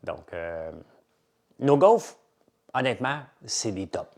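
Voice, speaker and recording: A middle-aged man with a Québécois French accent, casually chatting with viewers on a live stream and enthusiastically pitching his products. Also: slow. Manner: chatty, enthusiastic salesman, lively and animated. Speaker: entrepreneur hosting a live chat.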